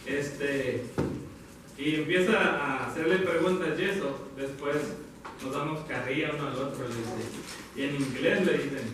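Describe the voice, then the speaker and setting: Man, preacher, sermon, high voice, halting self-corrections, heavy hall echo, far from mic. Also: background noise. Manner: addresses listeners as brothers, halting with self-corrections. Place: church hall.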